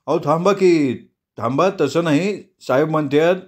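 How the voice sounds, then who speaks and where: Nervous constable, hesitant and pleading, voice pushed up high, played by a male narrator. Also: normal speed, a little mellow, natural voice. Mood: wheedling.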